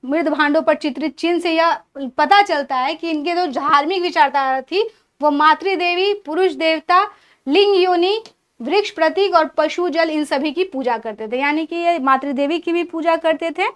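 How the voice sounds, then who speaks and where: A high-pitched woman teaching an exam-prep history class. She explains each point step by step, poses questions to her students and answers them herself, and runs through long lists item by item. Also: normal speed, a bit bright. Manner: lists items one by one.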